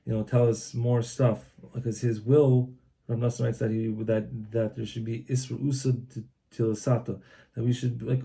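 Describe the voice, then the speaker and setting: Male reader: deep, mellow and fried tone, informal retelling of a religious text, halting with frequent restarts. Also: creaky. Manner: translates as he reads, halting with restarts. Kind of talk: loose spoken retelling of a book. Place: Old City of Tzfat, Israel.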